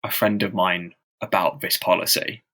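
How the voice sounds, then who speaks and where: A man's voice: low-pitched, steady tone, normal speed, sharp tone. A man co-hosting a podcast in casual chat, who stammers with blocks and repeated sounds and talks in a loose, self-deprecating way. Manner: loose and chatty, with lots of fillers and self-deprecating asides. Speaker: podcast co-host.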